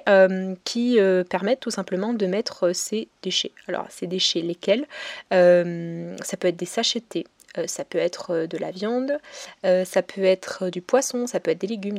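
A woman at an ordinary mid pitch gives practical tips to business owners, speaking straight to the listener. She hesitates often and restarts her phrases. The sound is dry, with no room around her. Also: darkish tone, no echo. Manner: hesitant, frequent fillers and restarts, addresses viewers directly. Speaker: presenter giving eco tips to business owners. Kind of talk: informal advice talk to camera.

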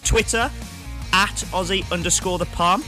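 A man's voice: sits high, normal speed, bright, forceful tone. A man with an English accent co-hosting a podcast, cheeky and joking through a promo. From England. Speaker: podcast co-host. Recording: faint music bed.

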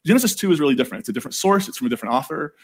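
A man preaching a sermon in a casual, jokey way, telling the story with animated asides. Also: a little high, racing.

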